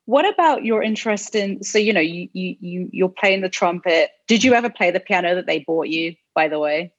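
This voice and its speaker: Lo-fi woman interviewer, lowish voice. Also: animated, a little fast. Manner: warmly encouraging with small restarts. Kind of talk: conversational interview.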